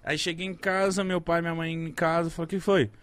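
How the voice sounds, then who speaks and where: A man in his thirties chatting casually, telling a story in an animated way, swearing often and acting out what people said. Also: a little high, fast. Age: 30s. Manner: animated storyteller, swears a lot, acts out quoted lines. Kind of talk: casual chat.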